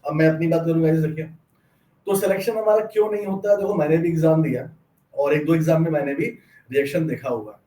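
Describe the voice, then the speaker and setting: A man's voice: a little high, fairly even intonation, quick pace, warm tone. A man, a bank exam teacher explaining study tips in a friendly way, addressing viewers as friends. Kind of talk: explanatory lecture. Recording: distant mic in echoey room.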